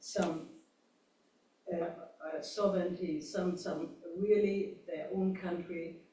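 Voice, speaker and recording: A man sharing at a congregation gathering, halting and searching for words. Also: sits high, fairly even intonation, warm tone. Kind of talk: casual group sharing. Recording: echoey hall, far mic, faint noise.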